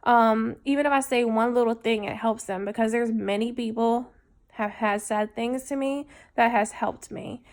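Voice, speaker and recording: A woman recording a personal video diary, speaking in a heartfelt, halting way with many pauses and fillers. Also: fairly high pitch, fairly even intonation. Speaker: vlogger.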